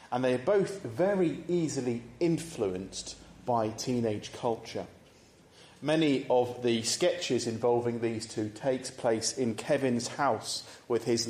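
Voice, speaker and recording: Slow, measured preacher in an echoey church. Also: male voice, mid-range voice, darkish tone, a little hiss or hum. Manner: measured, conversational, posing reflective questions. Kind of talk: sermon.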